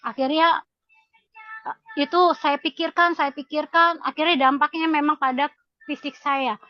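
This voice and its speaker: A middle-aged woman giving an earnest, emotional testimony on a video call, halting with many fillers. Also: high-pitched, fairly even intonation, no echo. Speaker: congregation member sharing testimony. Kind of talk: casual spoken testimony. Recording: dull lo-fi video call audio.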